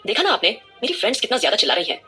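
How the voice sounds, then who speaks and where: A woman voicing a quick-witted young woman on a secret mission, talking fast with put-on annoyance in an audio drama. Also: a little high, very animated, sharp tone, faint music behind. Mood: polite. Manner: mock-annoyed, rapid talk.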